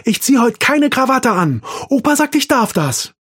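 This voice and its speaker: A pushy seven-year-old boy who whines and begs in a high, eager voice, as a man reads him in a storybook. The voice stays husky underneath and the recording sounds dry and close. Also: expressive, fairly quick, no echo. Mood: shouting. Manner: high, eager, whining pleas.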